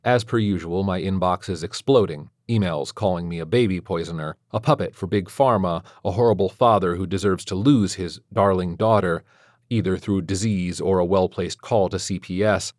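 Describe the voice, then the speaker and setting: A deep-voiced man narrates a first-person story, measured and wry with a quiet tension underneath. The sound is close and dry, with no room around it. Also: no echo. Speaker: audiobook narrator.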